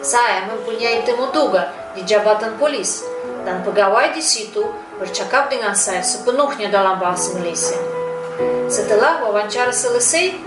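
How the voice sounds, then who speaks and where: A woman's voice: mid-range voice, animated, normal speed. Foreign woman, Russian accent, native Russian speaking fluent Indonesian-Malay, prepared testimonial, roomy distant recording, music behind. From Moscow, Russia.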